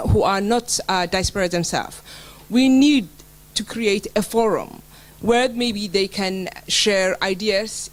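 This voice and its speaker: A middle-aged woman from Somaliland speaking earnestly on a panel, with many pauses, fillers and restarts. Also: mid-range voice, low-quality recording. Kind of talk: panel speech.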